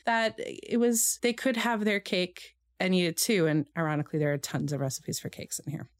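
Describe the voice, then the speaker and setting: A woman's voice: lowish voice, fairly even intonation, no echo. A woman co-hosting a podcast, chatting casually and reflectively about a historical recipe. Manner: reflective, reads quotes aloud slowly. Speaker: podcast co-host.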